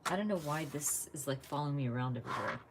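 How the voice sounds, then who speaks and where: An American craft vlogger chats casually while crafting live, thinking out loud and laughing often. Her voice sits low and is expressive, her pace is quick, and there's heavy background noise.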